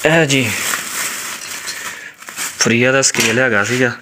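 A man's voice: medium pitch, takes it slowly. Home vlogger, Pakistani Punjabi man, middle-aged, repetitive show-and-tell manner, heavy background noise. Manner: repetitive, with frequent tags like "okay" and "mashallah". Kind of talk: casual show-and-tell vlog. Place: indoor room at home. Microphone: phone camera held by the speaker.

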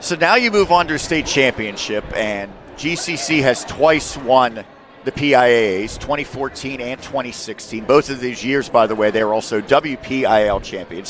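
A man's voice: mid-range voice, a bit bright, a little hiss or hum. A man in his thirties hosting a postgame show, asking long polished setup questions on a headset mic courtside in an empty gym. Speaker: sports network host. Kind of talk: postgame sports interview.

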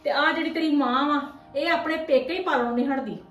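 Woman acting as a nagging high-voiced aunt, scolding family drama, echoey room from off-mic. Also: fast, a bit bright, recorded from a distance, soft background music. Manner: complaining, scolding. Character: sharp-tongued married sister visiting her brother's house.

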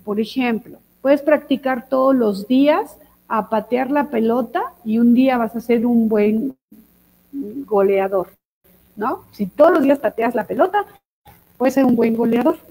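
A woman, co-hosting a casual chat and telling lively stories to demonstrate techniques. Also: high voice, in a large hall, rough recording. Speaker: co-host.

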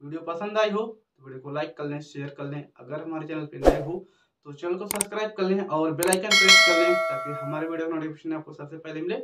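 Talking fast in a slightly high voice, this male tech tutorial host goes over phone settings step by step for the camera, with plenty of repetition. The audio, taken in a small backdropped room, is very noisy, roomy, distant-miked, and muffled.

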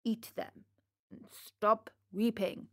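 A woman voicing a kind, patient old father who gently lectures his son. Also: medium pitch, fairly even intonation, slow, no room sound, clean studio sound, close to an everyday voice. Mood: soothing.

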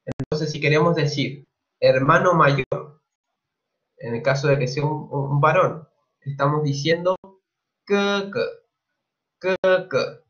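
Chilean man, slow, patient teacher, fairly high voice, muffled lo-fi computer mic. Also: fairly even intonation, a bit bright. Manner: slow, patient, repeats each word twice. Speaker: Mandarin teacher. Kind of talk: online language lesson.

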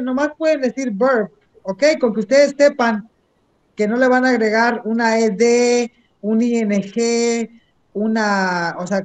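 Very high-voiced male teacher. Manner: encouraging, switches between English and Spanish. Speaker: English teacher. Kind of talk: online class instruction.

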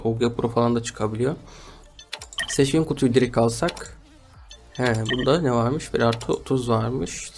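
A man's voice: medium pitch, creaky. A man giving casual gameplay commentary as a gaming YouTuber, chatty with his viewers and grumbling and laughing at his bad luck. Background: background music.

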